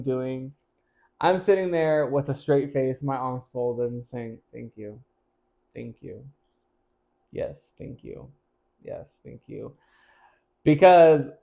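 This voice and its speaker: A man co-hosting a casual podcast, speaking at an average pitch for a man. He tells the story frankly, with a wry, self-mocking edge. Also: darkish tone. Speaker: podcast co-host. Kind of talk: casual chat recounting a drag competition.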